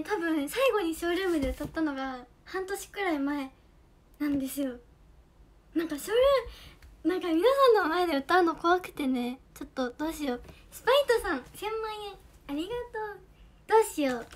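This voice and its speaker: A young woman livestreaming as an idol, chatting casually and thanking viewers by name, her voice slightly hoarse. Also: very high voice, lively intonation, a little fast. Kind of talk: casual livestream chat, reading viewer comments. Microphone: earphone mic.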